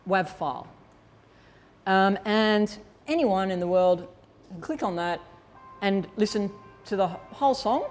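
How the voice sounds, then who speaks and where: A woman with a lowish, somewhat dark voice runs a workshop, talking to attendees in a relaxed, conversational way. She explains and thinks out loud while demonstrating.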